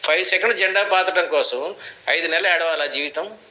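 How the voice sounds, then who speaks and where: A man's voice: fairly high pitch, a little fast, bright, forceful tone, poor audio. An older man giving motivational advice in an interview, teaching through everyday parables. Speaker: guest speaker, life coach.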